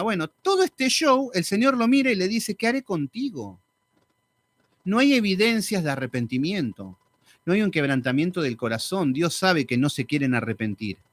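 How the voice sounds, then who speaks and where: A man teaching a live Bible study in an animated, sarcastic, conversational way. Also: high voice, no echo.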